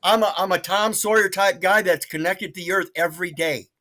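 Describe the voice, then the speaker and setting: A man's voice: sits high, steady tone, brisk, bright, forceful tone. An American man calling in to a radio show, debating off the cuff in an earnest, insistent, preachy way. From Mississippi, United States. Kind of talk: unscripted call-in debate.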